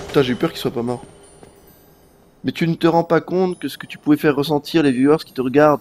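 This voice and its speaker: With a mid-range voice and a little hiss or hum on the audio, a man provides live gameplay commentary while streaming. He's animated, addresses his viewers in chat directly, and swears casually.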